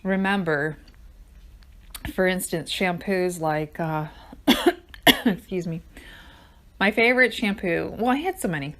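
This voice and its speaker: An older woman with a somewhat low voice hosts her own podcast. She talks off the cuff, wandering from one thought to the next in a chatty way. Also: slow pace, long pauses, a bit bright. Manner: rambling, digressive, chatty. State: out of breath. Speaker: podcast host. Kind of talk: casual improvised monologue.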